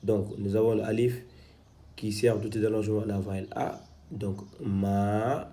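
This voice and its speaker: A man's voice: on the low side, flat delivery, dark tone. A man teaching Quran reading in French, patiently sounding out syllables one at a time. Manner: spells out syllables slowly, stressing each one. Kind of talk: slow syllable-by-syllable reading lesson.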